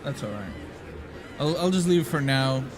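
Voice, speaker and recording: A man's voice: mid-range voice, lively intonation, normal speed, noisy background. A man live-streaming a game, chatting casually with viewers in a rambling way, swearing and laughing offhand. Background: game music.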